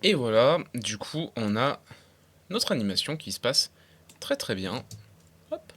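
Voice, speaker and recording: A young man talking casually through a software tutorial step by step, with frequent fillers and English terms mixed in. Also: medium pitch, very animated, a little slow. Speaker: tutorial creator. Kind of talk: screen-recorded software tutorial.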